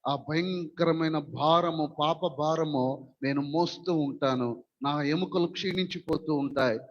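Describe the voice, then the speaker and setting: A man's voice: fairly high pitch, unhurried, a little hiss or hum. A man pastor preaching a sermon, reading scripture aloud and acting out dramatic retellings. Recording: dull lo-fi sound with long hall reverb.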